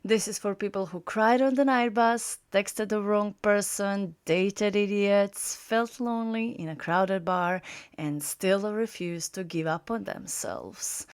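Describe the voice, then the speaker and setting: A woman's voice: mid-range voice, takes it slowly, smooth. A woman hosting a podcast, chatting in an upbeat way with frequent fillers. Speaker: podcast host. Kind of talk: casual podcast chat.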